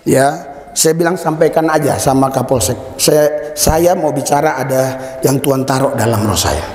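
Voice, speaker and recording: A man preaching a sermon as a pastor, telling a story with acted-out dialogue and bursts of shouted praise. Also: mid-range voice, moderate pace. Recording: echoey hall with long reverb.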